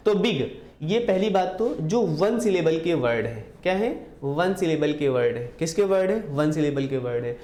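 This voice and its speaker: A man's voice: fairly high pitch, expressive, moderate pace, warm tone. Echoey male grammar teacher. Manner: repeats key answers as call-and-response questions. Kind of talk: classroom grammar lecture.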